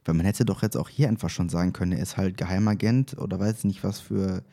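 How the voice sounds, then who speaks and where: Male podcast host, lowish mellow voice, informal and rambling, with hallway-like echo. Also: quick pace, gravelly. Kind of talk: casual podcast chat. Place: echoey space outside the studio.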